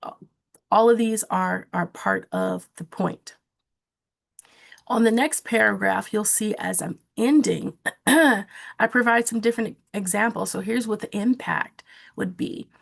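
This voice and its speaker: A woman presenting a training session, giving calm, practical coaching on how to testify. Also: medium pitch, a little slow, vocal fry. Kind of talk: instructional webinar talk.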